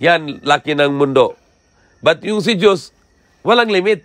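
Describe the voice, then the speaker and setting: A man's voice: fairly high pitch, animated, measured pace, a bit bright, no room sound. A man giving a religious lecture in simple, broken phrasing, asking rhetorical questions and checking in with "di ba?". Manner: rhetorical questions answered himself.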